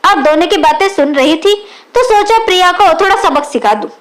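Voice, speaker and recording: A woman's voice: very high-pitched, animated, fairly quick. A woman reading the lines of a clever young sister-in-law who complains sharply, in a storybook reading.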